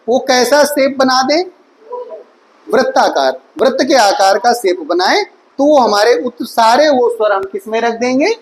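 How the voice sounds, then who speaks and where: A woman's voice: a little high, low-quality recording. A woman teaching an online Hindi exam-prep class, drilling vowel sounds aloud and quizzing her students with rhetorical questions, calling them 'beta'. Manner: addresses students affectionately as 'beta'. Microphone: recorded for mobile viewers.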